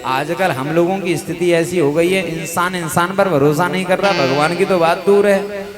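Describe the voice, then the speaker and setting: A man preaching a devotional sermon, telling sacred stories and sinking his voice low and soft at the ends of phrases. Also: normal speed, over music. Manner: storytelling, drops voice low and soft at line ends. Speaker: Bhagavat katha preacher. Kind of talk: devotional sermon with chanted Sanskrit verses. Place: live katha gathering with music accompaniment. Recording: musical instruments playing behind.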